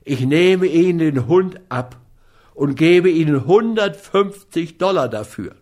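A man's voice: fairly high pitch, expressive, unhurried, voice pushed up. A man reading an audiobook, voicing a hot-tempered, commanding man who threatens and bullies. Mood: stern. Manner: forceful, threatening. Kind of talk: audiobook character voice.

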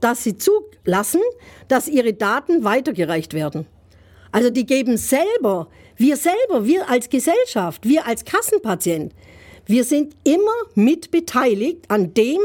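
A woman's voice: a little high, big pitch swings, measured pace, darkish tone. A middle-aged woman giving an interview as an author, speaking emphatically and indignantly, with many rhetorical questions. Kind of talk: interview answers.

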